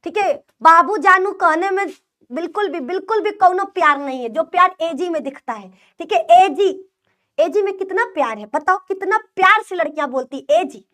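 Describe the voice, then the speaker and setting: A woman's voice: very high-pitched, expressive, brisk, sharp tone. A young woman with an eastern Hindi accent from the UP-Bihar region, teaching a biology class online and repeating key points in a call-and-response way. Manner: repetitive, call-and-response teaching with mnemonic jokes.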